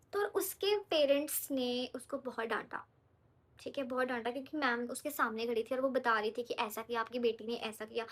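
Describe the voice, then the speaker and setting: A woman's voice: high voice, fairly bright tone. A young woman vlogger telling a story in a casual, chatty way while doing her makeup, often checking in with her viewers.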